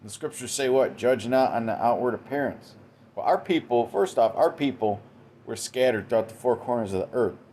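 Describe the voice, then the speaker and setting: Indoors in Western New York, a religious commentator delivers an informal preaching monologue in a medium-pitched, darkish voice at a moderate pace, with slight background noise. He tags nearly every sentence with "okay?" and "man," and often restarts and repeats words.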